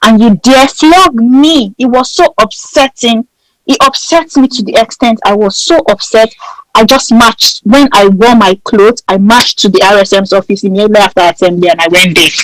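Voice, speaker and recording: A woman's voice: mid-range voice, normal speed, no room sound, low-quality recording. A woman in her thirties with a Nigerian accent, telling a story as an interview guest in a bold, dramatic way. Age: 30s. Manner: lively and dramatic, acting out the people in her story; bold and emphatic. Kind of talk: animated storytelling.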